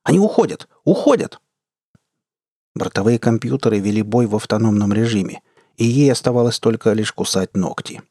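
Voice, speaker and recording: A man hosting an audio magazine and narrating a science-fiction story in a steady, expressive way. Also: on the low side, brisk, dry recording, clean studio sound. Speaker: host and reader.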